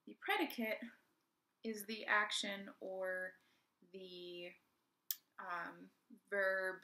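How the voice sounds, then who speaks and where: Bright-voiced woman teaching an English lesson. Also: medium pitch. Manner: casual, explanatory, many fillers and restarts. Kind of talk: recorded online lesson. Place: home, teaching from a cardboard board.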